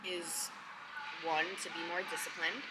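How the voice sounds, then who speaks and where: A young woman with a fairly low voice chats casually to her viewers while eating. It is a mukbang-style vlog, recorded with loud ambient noise like a vehicle behind her. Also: flat delivery, a little slow. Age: twenties. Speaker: vlogger. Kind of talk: casual mukbang chat to camera.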